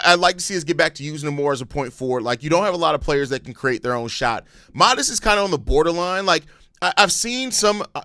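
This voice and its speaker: A man's voice: on the high side, a bit bright, no room sound. American man, dry close sound, emphatic sports talk. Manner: informal, emphatic, repeats points for stress. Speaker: sports show host. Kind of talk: casual basketball commentary.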